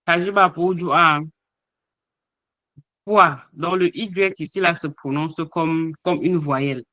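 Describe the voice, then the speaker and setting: A man's voice: a little high, fairly even intonation, measured pace, dry recording, muffled recording. A man teaching an online language lesson, hesitating often with fillers as he sounds out letters and example words. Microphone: online call microphone.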